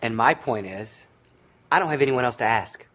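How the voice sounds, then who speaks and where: An actor plays a groom-to-be who argues defensively with his partner. His voice sits at a middle pitch. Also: fast talker, fairly bright tone, natural voice. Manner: defensive, bickering. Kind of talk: film acting.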